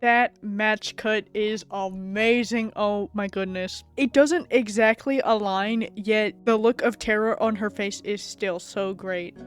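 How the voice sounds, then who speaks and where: Gushing woman video essayist, mid pitch. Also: slow, few pauses, music in the background. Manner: gushing, exclamatory, bursts of loud excitement. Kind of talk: excited reaction commentary.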